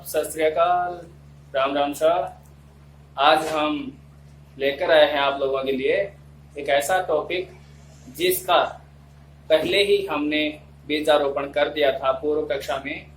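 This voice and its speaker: A male Sanskrit teacher giving an online exam-prep lesson, explaining slowly and chanting verses syllable by syllable. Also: fairly high pitch. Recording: echoey room, voice off-mic, faint hum.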